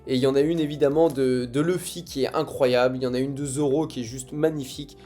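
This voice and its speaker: A young man giving casual commentary as he opens trading card packs, reacting excitedly to each card as it comes. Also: mid-range voice, quick pace, soft background music. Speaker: card collector opening booster packs. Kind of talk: casual pack-opening commentary.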